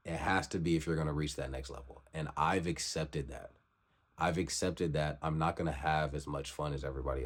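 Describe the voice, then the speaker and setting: A young man in his twenties with a very low voice gives a motivational vlog talk. He preaches in circles and keeps circling back to the same urging lines. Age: 20s. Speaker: vlogger.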